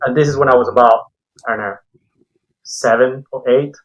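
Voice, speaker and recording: A man's voice: mid-range voice, steady tone, moderate pace, low-quality recording. Man talking through a mask. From Colombia. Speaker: podcast guest, tattoo and comic artist. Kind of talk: casual interview chat.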